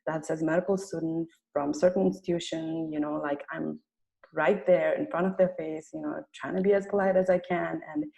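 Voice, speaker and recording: Brief: woman, medical student, earnest and halting, low flat voice with some fry, video call. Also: low-quality recording. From Nepal. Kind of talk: personal story on a video call.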